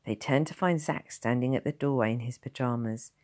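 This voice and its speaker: A woman's voice: very deep voice, fairly quick, darkish tone. A woman teacher reading a novel aloud, narrating expressively and voicing each character. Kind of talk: storybook narration.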